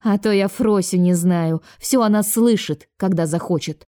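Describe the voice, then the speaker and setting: A woman voicing an elderly aunt, now young-looking, who is indignant and excitable. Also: medium pitch, moderate pace, no echo, studio quality, close to an everyday voice. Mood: exasperated.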